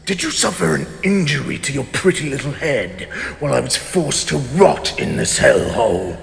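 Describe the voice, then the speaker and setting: A man's voice: medium pitch, animated, normal speed, vocal fry. A man playing a haughty, betrayed immortal king in a fantasy audio drama, pompous and sardonic in formal archaic speech. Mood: indignant, outraged. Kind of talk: dramatic audio roleplay monologue. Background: music.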